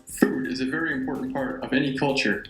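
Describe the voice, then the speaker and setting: A speaker slowly reading a short narration for a class video project. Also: medium pitch, fairly bright tone, soft background music. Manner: slow, deliberate reading. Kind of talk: slow recorded narration of a short class presentation. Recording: echoey room recording.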